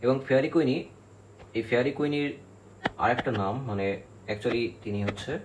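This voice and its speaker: A man's voice: medium pitch, moderate pace, background noise. A male literature teacher giving an exam-prep lecture, explaining step by step, counting syllables aloud and often checking in with his students.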